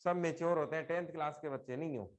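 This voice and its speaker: Teaching a class live over the internet, this middle-aged man speaks a little high. His pace is slow, he goes back over examples more than once, and he puts questions to the students.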